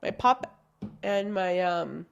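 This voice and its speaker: An older woman co-hosting a casual podcast, telling stories in a chatty, motherly, animated way. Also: lowish voice, slow, gravelly, dull audio, a little hiss or hum. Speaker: podcast co-host. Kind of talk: casual chat.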